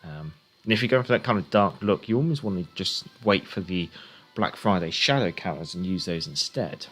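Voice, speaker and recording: A man's voice: deep voice, moderate pace, a bit bright, faint music behind. A man streaming a game, chatting casually and thinking aloud as he gives live commentary.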